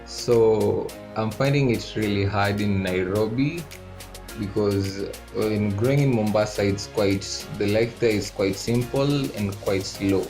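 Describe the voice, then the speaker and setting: A young man from Kenya talks in a fairly low, gravelly voice, explaining things at a measured pace with small hesitations. Faint music plays in the background. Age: young adult. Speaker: guest. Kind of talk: casual chat.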